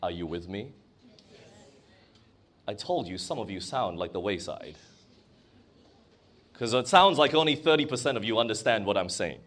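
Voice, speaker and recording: A man's voice: lowish voice, expressive, moderate pace, pauses often, fairly bright tone. A man preaching a sermon in a church or conference hall, asking the congregation questions as he goes.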